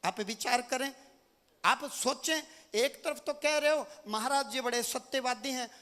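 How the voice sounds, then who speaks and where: A man with a Haryanvi accent giving an impassioned religious speech at a gathering, declaiming in fervent bursts that rise to loud peaks. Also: extremely high pitch, unhurried. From India. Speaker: religious leader. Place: hall at a gathering. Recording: long hall reverb.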